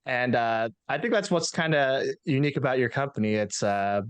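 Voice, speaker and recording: A man's voice: mid-range voice, expressive, normal speed, clear, resonant tone, no room sound. A young man hosting a podcast interview over a video call, asking friendly, casual questions through a headset. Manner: friendly questions with small laughs. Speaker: podcast host. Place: home office, indoors.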